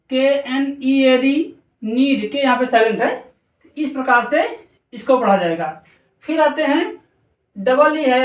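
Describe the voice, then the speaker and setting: A man with a high voice gives a spoken language lesson. He talks slowly and carefully, spelling out letters and saying words again and again. The room echoes and he sits some way from the microphone. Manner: slow, deliberate, spells out letters and repeats words. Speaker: English teacher. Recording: roomy echo, voice distant from the mic.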